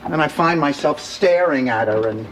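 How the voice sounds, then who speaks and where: A sardonic older woman with a deadpan, dry wit. Her voice swoops up and down a lot as she delivers her lines. The sound is an old sitcom track with audible hiss. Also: low voice, moderate pace, rough recording. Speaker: sitcom character. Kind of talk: sitcom acting.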